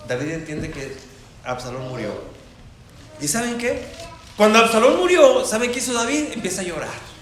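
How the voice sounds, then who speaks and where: A man's voice: high-pitched, roomy sound, slight background noise. A man preaching a sermon in a church, telling a story full of rhetorical questions. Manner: animated storytelling with rhetorical questions, turning soft and slow. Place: church hall.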